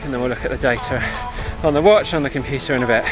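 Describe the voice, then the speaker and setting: A man's voice: mid-range voice, very fast, over music, poor audio. A man, chatting casually to a camera at about arm's length in the open air. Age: 30s. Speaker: running vlogger.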